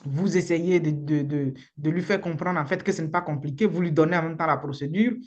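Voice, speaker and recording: A woman's voice: low voice, brisk, darkish tone, muffled recording. A woman lawyer with a Beninese accent gives informal, frank advice in a live online session, using the odd blunt slang word. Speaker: immigration lawyer.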